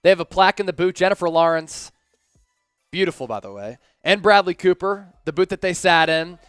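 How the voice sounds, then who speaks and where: A man's voice: sits high, brisk, fairly bright tone, clear, resonant tone, faint music behind. A man co-hosting a live sports fan show, chatting casually and jokily with viewers as he reads out their comments.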